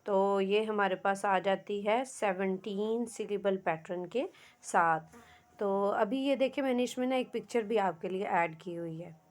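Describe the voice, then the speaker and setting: A woman's voice: medium pitch, a little slow. A young woman, giving a patient lecture on English literature, mixing Urdu and English and counting syllables aloud.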